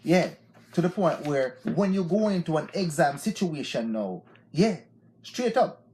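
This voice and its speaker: A man's voice: fairly high pitch, very animated, measured pace, dark tone, slight background noise. A man in his forties with a Jamaican accent who hosts an unscripted live stream and gives motivational talk in a loose, repetitive way, often saying "yeah, man". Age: 40s.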